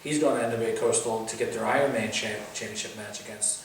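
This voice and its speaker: A man's voice: fairly low pitch, steady tone, fast. A man in a casual interview giving detailed previews like an announcer, rattling off titles and credentials. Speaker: wrestling pundit previewing shows. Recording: very echoey room, distant mic, faint noise.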